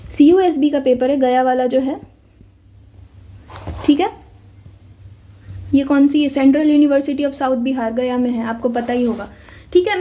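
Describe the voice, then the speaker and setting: Her voice sits high and mellow as she talks to viewers about exam updates in a relaxed yet pressing way, frequently saying "bhai" and asking "theek hai."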